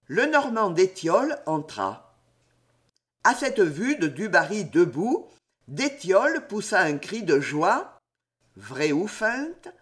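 A man narrates a historical novel in a high, animated voice. He takes his time, letting each phrase land slowly, and shifts into theatrical deliveries for the characters. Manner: theatrical, sweeping pitch for dialogue. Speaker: audiobook reader. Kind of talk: expressive audiobook narration.

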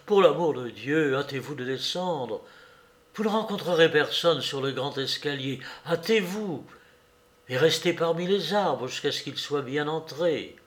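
A man's voice: a little high, lively intonation, measured pace. A man voicing a frightened housekeeper who scolds and urges anxiously, in an audiobook reading. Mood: anxious scolding.

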